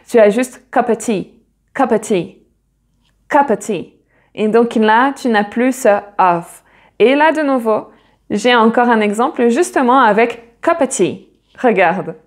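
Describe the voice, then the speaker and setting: A woman's voice: mid-range voice, darkish tone. A woman teaching a casual video lesson, explaining step by step and repeating each phrase. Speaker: English teacher.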